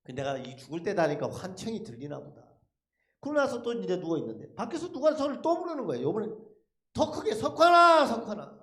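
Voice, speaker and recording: A man with a high voice and big, lively swings in pitch tells his testimony at a church service like a dramatic story. He keeps throwing rhetorical questions at the congregation. His voice rings through a roomy, echoey church. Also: fast talker. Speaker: lay speaker giving a testimony. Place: church sanctuary.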